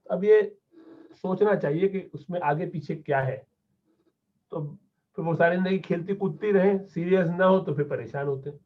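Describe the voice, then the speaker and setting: A man gives a classroom-style Arabic lesson, a touch higher than most men. He repeats each word slowly and patiently for his learners. The sound is thin and tinny, like a phone line. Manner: patient, repeats words slowly to drill pronunciation. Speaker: Arabic teacher.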